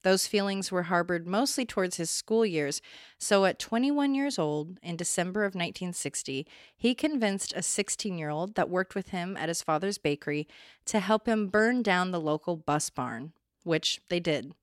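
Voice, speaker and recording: A woman's voice: on the low side, expressive, moderate pace, dry recording, studio quality. A woman hosting a true crime podcast, reading a scripted account and breaking in with blunt, opinionated asides.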